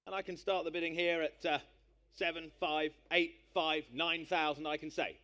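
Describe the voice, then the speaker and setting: A man working as an auctioneer, calling bids live in a brisk patter of repeated numbers. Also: on the high side, fairly even intonation, bright, forceful tone.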